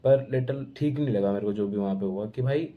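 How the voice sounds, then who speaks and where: A man's voice: fairly low pitch, brisk. Chatty young man, tinny phone-like sound. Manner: chatty, rambling, keeps saying bhai. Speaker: travel vlogger. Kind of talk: casual storytelling to camera. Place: at home.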